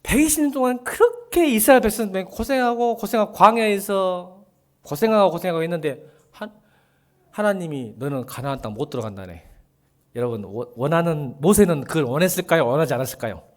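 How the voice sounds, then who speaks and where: Animated pastor with a lively voice. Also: male voice, a little high, a little fast. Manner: animated, joking with the congregation, bursts into shouting. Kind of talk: sermon. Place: church sanctuary.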